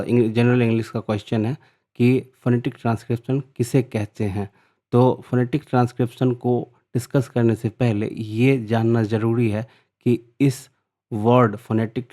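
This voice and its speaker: Mellow-voiced man teaching a lesson. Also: medium pitch. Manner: slow dictation-style reading of English definitions; casual teacher talk with filler "a" and restarts. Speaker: teacher and channel host. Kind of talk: explainer lesson in Hindi-English mix.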